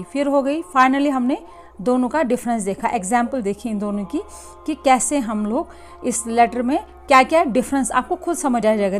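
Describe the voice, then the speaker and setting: Hindi-speaking woman teacher, slightly high voice. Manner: mixes Hindi and English, slow deliberate English phrases, frequent "theek hai" checks. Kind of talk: classroom lesson explaining slides.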